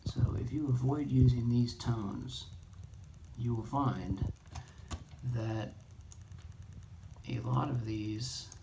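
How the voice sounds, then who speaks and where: Over a noisy backdrop of typing and mouse clicks, a radio how-to instructor with a mid-range voice and vocal fry walks through an unscripted screen demo. He halts often, thinking aloud as he explains each step.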